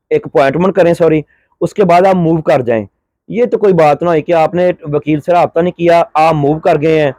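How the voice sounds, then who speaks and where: A man's voice: fairly high pitch, mellow, no echo. A middle-aged man from Pakistan giving brotherly, pleading advice in a vlog, feeling a little unwell. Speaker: vlogger giving advice to migrants.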